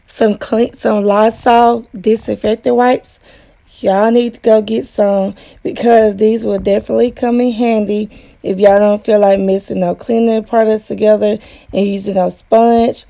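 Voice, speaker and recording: A woman's voice: mid-range voice, flat delivery, unhurried, creaky, dark tone. A young woman chatting casually to her viewers in a small apartment, calling them y'all, with the sound of a camera set some distance away. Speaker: cleaning vlogger.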